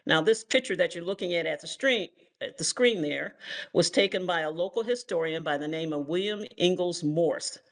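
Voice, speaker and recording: An older woman from Ohio giving an online history lecture as guest author, measured and filled with ums and uhs. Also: fairly low pitch. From Toledo, Ohio, US. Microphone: video call.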